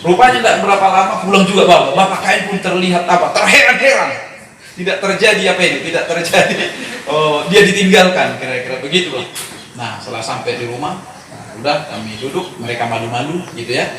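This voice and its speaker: A man, telling a personal story in a sermon as an animated storyteller who talks straight to the congregation and chuckles often. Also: sits high, fast talker, noisy background. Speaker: preacher leading a discipleship session. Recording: very echoey hall, voice from a distance.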